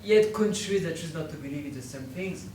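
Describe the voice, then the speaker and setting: An actor playing a bitter, defiant captured fighter who fires accusing rhetorical questions, recorded in an echoey room from a distance. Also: male voice, on the high side, animated, fairly quick, background noise, close to an everyday voice. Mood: sardonic. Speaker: stage actor. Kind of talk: stage play acting. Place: theatre stage.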